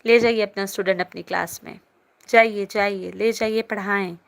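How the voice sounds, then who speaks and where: A woman's voice: medium pitch, steady tone, normal speed, vocal fry. A young woman teacher holding a live online class from her phone, reading students' chat comments aloud and answering them in a chatty, teasing way.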